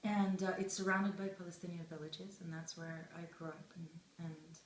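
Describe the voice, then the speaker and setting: Low-voiced woman. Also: fairly even intonation. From Israel, of Russian immigrant background. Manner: thoughtful, deliberate, pausing mid-phrase. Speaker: interviewed journalist and film student. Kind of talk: reflective interview answers. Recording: echoey room with faint background noise.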